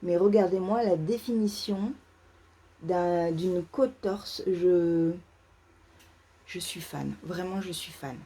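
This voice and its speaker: Une femme qui anime un vlog de tricot sur un ton décontracté, en hésitant beaucoup, avec de nombreux « euh ». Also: female voice, lowish voice, slow pace, mellow, breathy edge. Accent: French. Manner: hesitant, many fillers and restarts. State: feeling too warm. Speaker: knitting podcast host. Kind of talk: casual knitting vlog chat. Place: parents' home, indoors.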